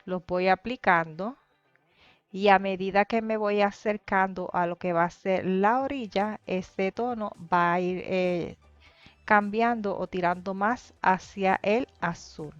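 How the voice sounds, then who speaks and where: Woman explaining a painting lesson step by step, calm, lots of little pauses, dry dull-sounding voice-over. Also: medium pitch, no room sound, faint music behind. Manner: calm, explanatory, with frequent hesitations. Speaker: painting teacher. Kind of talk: narrated painting tutorial.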